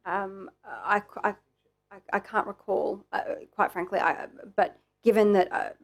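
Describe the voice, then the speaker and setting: A woman's voice: mid-range voice, unhurried, creaky. An Australian woman giving careful testimony as a witness, hesitant and repeating her words. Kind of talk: formal testimony.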